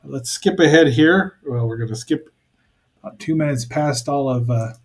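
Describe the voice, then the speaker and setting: A man hosts a casual recap podcast in a mid-pitched, husky voice. He comments wryly, with hesitant asides as he goes. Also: moderate pace. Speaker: podcast host.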